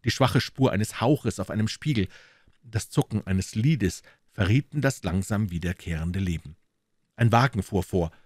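A man narrating a classic detective story as an audiobook reader, in a measured, dramatic way. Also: lowish voice, no echo, clean studio sound.

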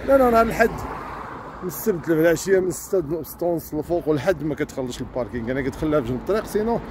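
A man's voice: on the high side, expressive, very fast. A man with a Moroccan accent, chatting casually to his viewers as he walks along a cold, windy road. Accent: Moroccan Darija. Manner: chatty, talks to viewers while walking. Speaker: vlogger. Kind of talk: casual walking vlog. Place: outdoors on a country road in the cold wind.

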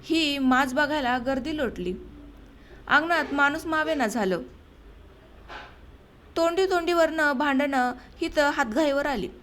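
A woman with a high voice reads a village short story aloud for an audiobook. She gives the arguing family members their own turns in a rural dialect. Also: unhurried, pauses often, a bit bright, a little hiss or hum. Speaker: audiobook narrator.

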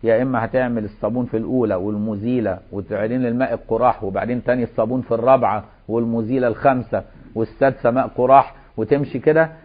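A man's voice: medium pitch, steady tone, rapid-fire, phone-quality sound. A man with an Egyptian accent, a religious teacher reading a classical text aloud and explaining it, moving between formal recitation and chatty colloquial asides.

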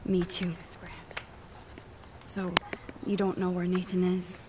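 A quiet teenage girl in a video game who talks in a soft, hushed, hesitant way. Her voice sits a little low, and clear background noise runs under the game audio. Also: completely flat delivery, takes it slowly.

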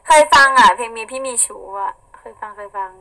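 A young woman with a husky voice, chatting casually on a live stream, reading out viewer comments and laughing often. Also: fairly high pitch, a little fast, pushed and bright, poor audio. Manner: chatty, giggly, playful. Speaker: idol singer on a live stream.

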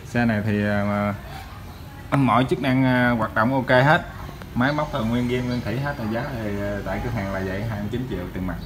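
A man with a southern Vietnamese accent giving a chatty, hesitant used-vehicle salesman's pitch in a casual walkaround, filmed by handheld phone in a showroom. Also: a little fast. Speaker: used motorbike shop salesman. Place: tiled motorbike showroom. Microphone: handheld phone behind camera. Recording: noisy handheld recording with vehicle sounds.

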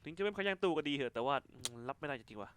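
A man giving casual let's-play commentary as a gaming YouTuber, excitable, swearing casually and laughing often. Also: fairly high pitch, rapid-fire, a little hiss or hum. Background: faint music.

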